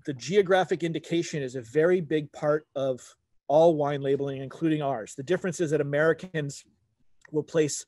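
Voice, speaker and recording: A man's voice: fairly high pitch, a little mellow, no echo. A man in his forties giving a casual, explanatory wine talk, rephrasing as he goes like a conversational teacher. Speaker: wine webinar presenter. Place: outdoors at a garden table.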